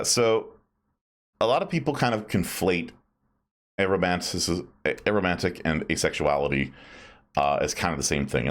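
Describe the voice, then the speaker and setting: Male live streamer, deep register, very varied intonation, loose rambling casual talk. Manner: rambling, self-described grumpy old man.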